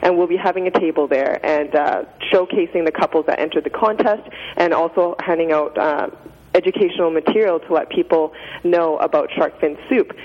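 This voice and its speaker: A young Canadian woman who founded a nonprofit answers interview questions casually as a radio guest. Her voice sits low and moves a little fast, chatty and full of fillers and "likes." The radio sound is dull, with long reverb.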